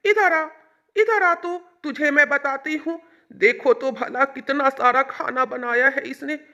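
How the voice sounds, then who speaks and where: Cartoon story: woman playing an old mother-in-law, high and piercing, always nagging. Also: steady tone, measured pace, sharp tone, exaggerated voice. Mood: scolding. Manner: shrill, complaining, bossy.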